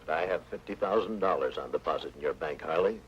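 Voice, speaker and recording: A man's voice: extremely low pitch, fast talker, fairly bright tone, a little hiss or hum. An actor playing a cold, demanding male villain plotting to take a bank. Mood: scheming. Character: scheming male villain, cold wealthy depositor. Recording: dull old TV soundtrack with music.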